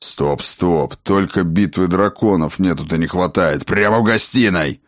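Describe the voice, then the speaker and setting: A man voicing a gruff, protective dragon father in a storybook reading, talking in a low grumble. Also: moderate pace, no echo, clean studio sound. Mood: stern.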